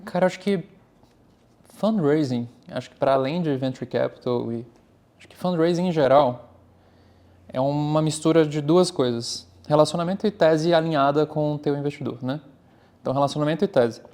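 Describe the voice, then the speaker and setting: As an interview guest, a Brazilian startup founder talks candidly and energetically, often saying "cara." His voice is on the high side and moves at a moderate pace. The conversation is casual and animated.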